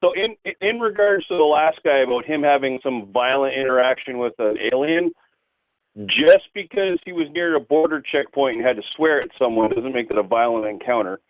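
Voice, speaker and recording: A man's voice: mid-range voice, lively intonation, fairly quick, no echo. A man from Canada calling in over the phone to a live show, chatting casually with teasing banter. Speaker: caller. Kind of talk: casual call-in chat. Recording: dry, tinny phone line.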